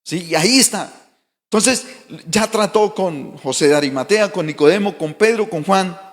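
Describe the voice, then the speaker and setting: A man's voice: high-pitched, animated, normal speed, in a large hall. A male pastor preaching a sermon, building emphatic declarations and asking the congregation rhetorical questions. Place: church sanctuary.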